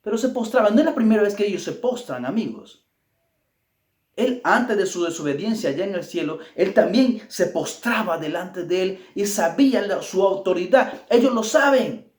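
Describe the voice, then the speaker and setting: A man preaching a Bible study with an emphatic, repetitive delivery that drives each phrase home. His voice sits a touch high for a man. The sound is roomy, with a clear echo around him. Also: animated, moderate pace, darkish tone.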